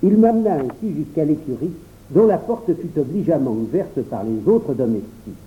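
A man narrating a storybook in the first person, expressive and voicing every character. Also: on the high side, moderate pace. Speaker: audiobook reader. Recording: tinny phone-like recording.

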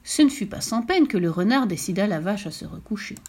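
With a medium-pitched, slightly rough voice and a fairly quick pace, a woman gently reads a bedtime story for children. Her expressive delivery is lively and full of movement.

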